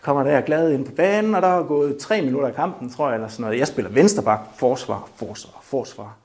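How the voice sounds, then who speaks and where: Animated Danish preacher man. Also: fairly high pitch. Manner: animated, shouting for emphasis, joking with the congregation. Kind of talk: lively sermon.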